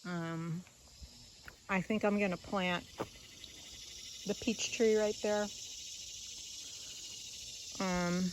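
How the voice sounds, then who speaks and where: A gardening vlogger walks about her garden outdoors, chatting informally without a script, musing, rambling and leaving thoughts unfinished as she shows the plants. Her medium-pitched voice is fairly even, with drawn-out words and long pauses. The low-quality recording carries faint cricket and insect noise.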